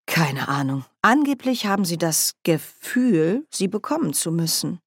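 A woman voicing a cheerful, gossipy old witch in an audiobook, pitching up as she rambles along. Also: sing-song, unhurried, breathy edge, dry recording, clean studio sound, full character voice. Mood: chatty. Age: older. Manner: gossipy, chatty.

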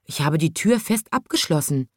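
A woman voicing a kind, calm little male zookeeper in a children's storybook reading, speaking gently and patiently. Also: low voice, normal speed, no room sound, studio quality.

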